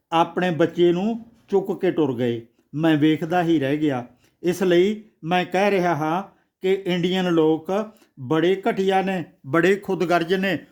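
A man's voice: high voice, darkish tone. A man voicing a resentful young man who talks in a rude, bitter tone in a storybook. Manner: rude, blunt tone.

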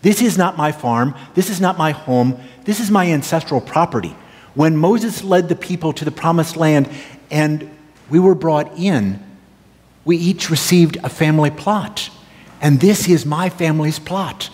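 A man's voice: on the high side, a little slow, darkish tone, lightly acted. A man voicing a devout man firmly refusing to sell his family's land, in an earnest, pleading tone, with long church reverb.

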